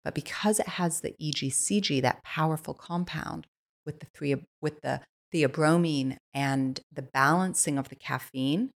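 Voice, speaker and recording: Unhurried and deep-voiced with vocal fry, a woman from Switzerland shares stories as a podcast guest. Her manner is eager and casual, and "like" pops up constantly.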